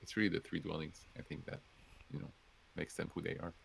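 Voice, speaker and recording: A man's voice: low-pitched, expressive, fast talker, vocal fry, fairly bright tone, slight background noise, poor audio. A man discussing board game strategy on a live stream in an analytical, easygoing way.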